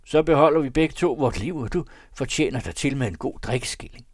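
A man voicing a desperate male poacher who begs loudly for his life in a high, strained voice. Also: animated, no room sound, studio quality, close to an everyday voice. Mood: wheedling. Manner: high, loud, begging.

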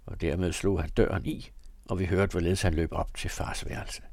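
A man giving a measured, dramatic literary reading of a classic novel. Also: low voice, darkish tone, dry recording, studio quality. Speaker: audiobook reader.

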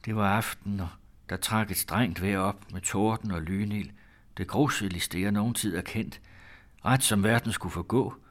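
A man reading an old-fashioned first-person story aloud in a measured, grave way. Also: low-pitched.

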